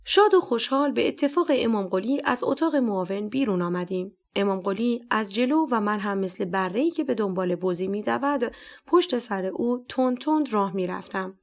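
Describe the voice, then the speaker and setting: A woman narrating a first-person story as an audiobook in a steady storytelling manner. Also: mid-range voice.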